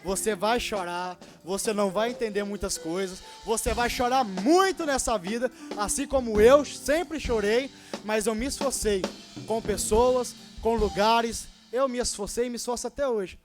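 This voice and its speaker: A man in his twenties from Brazil preaching a sermon and telling his own story, swinging between loud and hushed. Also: high-pitched, normal speed, faint music behind. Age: 20s. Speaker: young preacher. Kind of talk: sermon with personal testimony.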